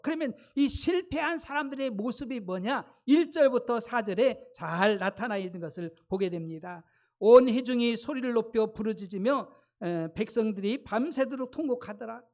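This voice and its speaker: A woman's voice: medium pitch, darkish tone. Woman pastor preaching emphatically. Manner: emphatic, addresses the congregation directly. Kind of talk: sermon.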